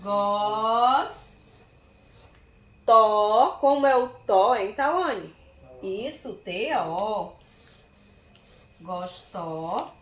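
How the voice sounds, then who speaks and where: A Brazilian woman teaching young children to write, sounding out syllables slowly and asking pupils by name. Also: a little high, lively intonation. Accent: Brazilian Portuguese. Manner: slow, syllable-by-syllable spelling with questions to pupils by name. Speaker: primary school teacher. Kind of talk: recorded remote writing lesson for young children. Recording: echoey room.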